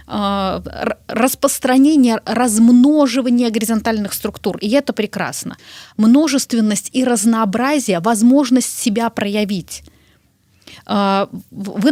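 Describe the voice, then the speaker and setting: A woman answering interview questions in a measured, explanatory way, often turning to the listener to make her point. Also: on the high side, darkish tone, no echo, clean studio sound. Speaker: guest.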